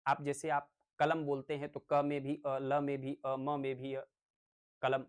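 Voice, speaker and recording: A man's voice: medium pitch, monotone, a little slow, smooth. A male teacher giving a lecture on phonics, explaining step by step with everyday examples.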